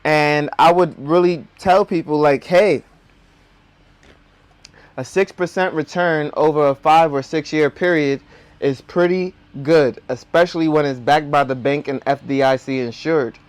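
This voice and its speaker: A man's voice: fairly high pitch, measured pace, clear, resonant tone, no echo. A man speaking with dental braces that slightly impede his articulation, explaining things to viewers as a video host. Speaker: host of a personal finance video.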